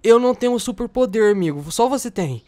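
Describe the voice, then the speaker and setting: A young Brazilian man hosting excited Minecraft role-play commentary, yelping and laughing often. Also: very high voice, fast talker. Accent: Brazilian Portuguese. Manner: animated, yelps and laughs often. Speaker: host.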